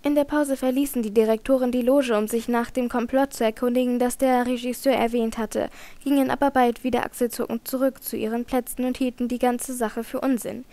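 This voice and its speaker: A woman narrating a classic novel as an audiobook in measured scripted storytelling. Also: a little high, steady tone, warm tone, no echo.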